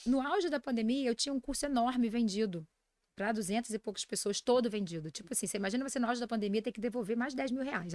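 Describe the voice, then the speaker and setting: Fast-talking Brazilian woman in her forties. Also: on the high side, no echo, studio quality. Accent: Brazilian Portuguese. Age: 40s. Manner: fast, animated storytelling. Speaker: guest nutritionist and lecturer. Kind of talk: casual podcast interview.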